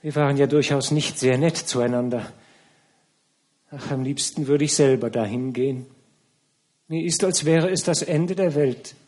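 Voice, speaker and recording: A man reading a novel aloud, voicing a tired, grieving young woman who speaks quietly and subdued. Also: medium pitch, unhurried, long pauses, voice pushed up, lightly acted. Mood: hushed.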